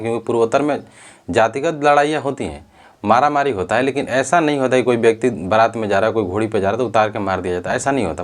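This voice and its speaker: A man giving earnest spoken commentary on a social issue, often restarting and correcting himself as he talks. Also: medium pitch. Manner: earnest, repetitive, with frequent self-corrections.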